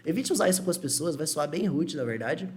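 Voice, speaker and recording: Guy teaching english, goes up and down a lot, slows way down to model words. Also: a little high, expressive. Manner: explains step by step, checks in with "tudo bem?"; models English words slowly and repeats them. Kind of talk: Portuguese-language English lesson.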